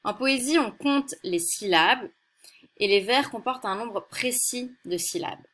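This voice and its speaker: A woman teaching a recorded lesson on poetry, explaining carefully and reading example verses slowly and softly. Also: on the high side. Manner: slow, deliberate, careful explanation. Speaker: French teacher.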